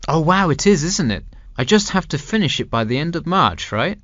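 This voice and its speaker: A man's voice: on the high side, big pitch swings, moderate pace, a bit bright, no room sound, dull audio. A man playing a university student in a scripted, carefully enunciated textbook dialogue. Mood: polite, inquiring. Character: male university student discussing his dissertation with an adviser. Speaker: student in a listening-test dialogue.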